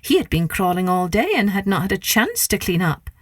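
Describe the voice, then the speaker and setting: A woman hosting a storytelling podcast, narrating a scripted folktale for children in an animated style. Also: medium pitch, a little fast, slightly rough, no room sound, clean studio sound. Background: faint music.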